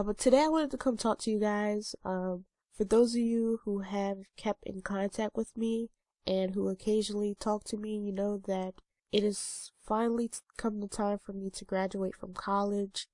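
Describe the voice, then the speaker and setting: In this casual talking-head vlog, a young woman in her twenties talks to her audience through a blocked-up nose, wandering along with lots of ums and uhs. Her voice is mid-range and warm, with no room sound at all.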